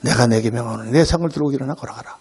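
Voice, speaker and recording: A pastor acting out Jesus as a calm, solemn teacher who speaks slowly and gravely. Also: male voice, medium pitch, pitched below the performer's own voice, lightly acted. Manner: slow, grave, measured.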